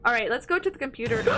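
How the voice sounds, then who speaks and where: A young woman streaming a horror game, thinking aloud in casual commentary with lots of fillers and hesitations. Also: on the high side.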